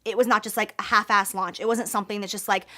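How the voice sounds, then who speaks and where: A young woman beauty YouTuber presenting her own product launch, emphatic and gushing, filling her talk with "like" and squealing when excited. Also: mid-range voice, fast. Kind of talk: excited product reveal vlog.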